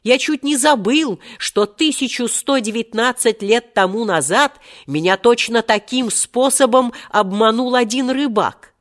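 A woman voicing an ancient, cunning and wrathful male genie in a storybook reading, with grand, booming threats. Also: unhurried, close to an everyday voice. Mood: indignant boasting.

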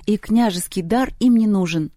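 A reader voicing a giggly, quick-witted girl who is a bit timid. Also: mid-range voice, warm tone, no echo, studio quality, pitched above the performer's own voice, natural voice. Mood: reciting.

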